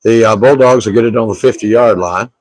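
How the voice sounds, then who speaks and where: A man with a hoarse voice calling a high school football game for local radio in a folksy, easygoing way. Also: fairly quick, crowd noise, low-quality recording. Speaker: play-by-play announcer.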